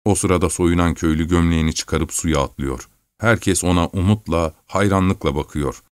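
A man narrating a story in the first person, with a steady, measured reading. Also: sits low, smooth, dry recording. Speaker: audiobook narrator.

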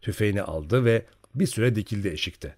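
A man narrating an audiobook in an expressive storytelling manner. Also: lowish voice, brisk.

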